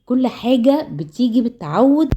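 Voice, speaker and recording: A woman's voice: a little high, big pitch swings, a little fast, dark tone, slight background noise. An Egyptian woman hosting a home cooking tutorial, chatty and instructive, often repeating words for emphasis. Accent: Egyptian Arabic. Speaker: cooking channel host.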